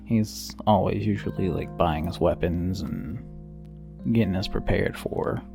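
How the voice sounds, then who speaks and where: Creaky low-voiced man, brash podcast banter. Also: a little slow, music in the background. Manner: brash, joking, heavily profane. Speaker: podcast co-host.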